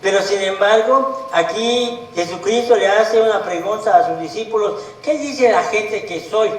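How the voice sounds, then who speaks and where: A man's voice: high voice, far from the mic. A man preaching a sermon to a Bible study group, speaking emphatically and putting questions to the congregation. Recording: echoey room, voice from the mic.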